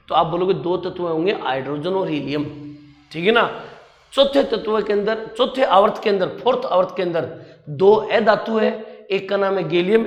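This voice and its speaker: A man's voice: high voice, echoey room. A male teacher giving an exam-prep lecture, repeating key facts and quizzing his students. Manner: repetitive drilling, quizzing the students; addresses students as beta ji.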